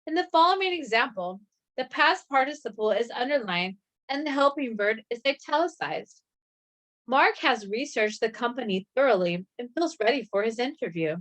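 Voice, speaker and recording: A woman reading a scripted grammar lesson, slow and even, spelling out letters one by one. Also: fairly high pitch. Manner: reads slowly and evenly, spelling out letters. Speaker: grammar instructor.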